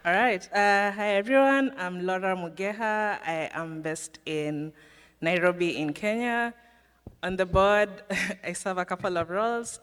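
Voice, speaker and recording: A woman with a fairly low, smooth voice introduces herself on a conference panel. She is friendly and runs through her board roles. Her voice rings with the long reverb of a hall. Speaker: board member.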